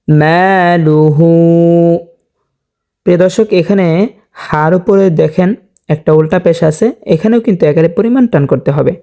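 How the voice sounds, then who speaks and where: A man teaching Quran reading, spelling words out letter by letter and drawing out recited verses slowly, asking and answering his own questions for viewers. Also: fairly high pitch, vocal fry, warm tone. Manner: slow drawn-out recitation of verses between explanations.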